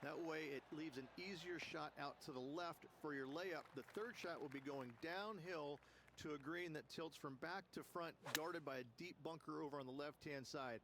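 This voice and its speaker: A male golf analyst talks through hole layouts and players in a chatty, joking way, laughing easily as he goes. His voice sits a little higher than most men's. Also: moderate pace, background noise. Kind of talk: sports color commentary.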